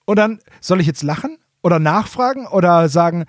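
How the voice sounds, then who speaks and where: This podcast co-host's voice sits high, with lively intonation and a slightly fast delivery. He recaps an audio drama in a casual, jokey, colloquial way, now and then putting on short mock quotes, and the studio sound is clean with no room sound.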